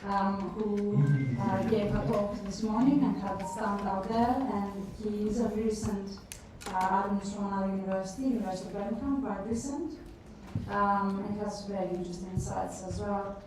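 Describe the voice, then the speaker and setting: A woman's voice: mid-range voice, fairly even intonation, moderate pace, background noise. A woman moderating a university careers panel, inviting questions from the audience. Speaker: event moderator. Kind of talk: hosting a panel discussion. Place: university lecture theatre. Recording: echoey lecture theatre from far off.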